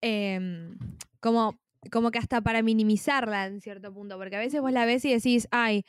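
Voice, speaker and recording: A woman's voice: a little high, fairly even intonation, moderate pace, smooth, no room sound, studio quality. A woman with a Rioplatense Spanish accent, talking casually as a podcast co-host, with lots of fillers. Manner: conversational, many fillers like "tipo". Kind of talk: casual chat.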